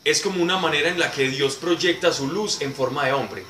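Male Bible teacher explaining to a class, somewhat high voice, heard from a distance in an echoey, noisy room. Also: a little fast, bright, forceful tone. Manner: explanatory, answers questions, repeats words for emphasis.

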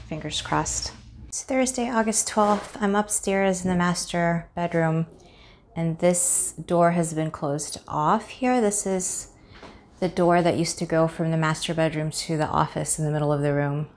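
Young woman, low voice, gravelly fry, relaxed chatty tour narration, faint building noise. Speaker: homeowner vlogger. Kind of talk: casual renovation walkthrough. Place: townhouse under construction, indoors. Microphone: handheld phone camera. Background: construction noise.

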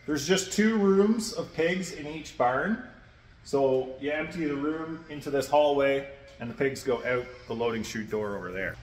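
A man's voice: medium pitch, expressive, measured pace, soft background music. A man in his thirties walking through his pig barns, explaining them plainly to a phone held at arm's length. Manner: plain, matter-of-fact explaining while walking and pointing. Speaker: farmer giving a barn tour. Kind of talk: casual walking tour vlog. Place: pig barns and farmyard, indoors and outdoors. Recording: noisy barn ambience.

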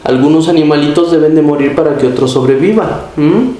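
A young Mexican man gently coaxing his toddler in sing-song baby talk while he shows her his animals. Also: fairly high pitch, brisk. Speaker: exotic animal keeper and channel host. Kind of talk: casual vlog narration. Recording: echoey room with loud background noise.

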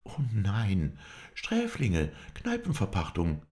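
A man reading an audiobook voices a proud young woman who pleads and then defiantly defends herself, lifting his voice high. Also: huge pitch swings, slow, darkish tone, exaggerated voice.

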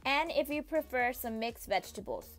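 Expressive and fairly bright in tone, this woman's fairly high voice carries a cooking tutorial at normal speed over soft background music. She hosts the channel and cooks at home, talking the viewer through each step with friendly, often repeated instructions.

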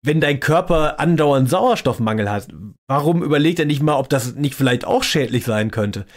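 A man's voice: on the high side, expressive, normal speed. A man hosting a reaction video, giving mocking commentary in a dry, sarcastic tone. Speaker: reaction channel host.

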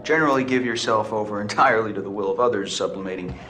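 A man's voice: fairly low pitch, fast talker, a bit bright, a little hiss or hum, close to an everyday voice. An actor playing a joking young man in a horror game, teasing and mock-solemn with his friends. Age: young adult. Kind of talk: naturalistic horror game acting.

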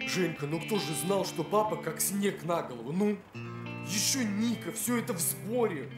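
A man's voice: sits high, lively intonation, normal speed. A young man playing an anxious student in a sitcom. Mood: worried, pleading. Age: young adult. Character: anxious young male student, a priest's son. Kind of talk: sitcom dialogue. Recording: roomy set with music underneath.

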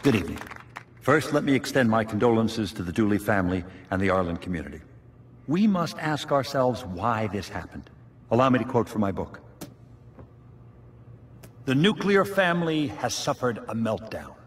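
Pompous lecturing author, sing-song delivery. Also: male voice, fairly low pitch, very animated, normal speed, long pauses, a little hiss or hum. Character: smug self-help author speaker.

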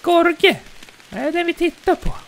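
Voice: extremely high pitch, animated, vocal fry, a bit bright, a little hiss or hum, heavily acted. A performer voicing a cheerful, childlike bear in let's play commentary, chirpily narrating its own actions as "we". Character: cheerful childlike bear, cozy and easily delighted.

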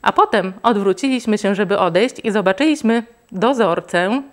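A woman reading a children's book aloud in a lively, expressive way. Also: mid-range voice, moderate pace. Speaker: reader.

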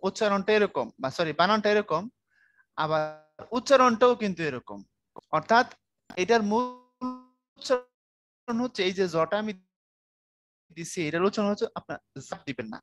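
A man's voice: high voice, animated, normal speed, pauses often, a bit bright. A man teaching a Bangla writing lecture in a casual, conversational way, often checking whether his students follow. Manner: conversational, asks students if they follow, colloquial speech.

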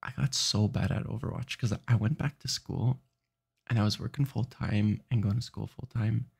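A man's voice: fairly low pitch, vocal fry, darkish tone, husky. A sleepy man streaming late at night, rambling and restarting his sentences as he chats. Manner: rambling, self-interrupting, tired.

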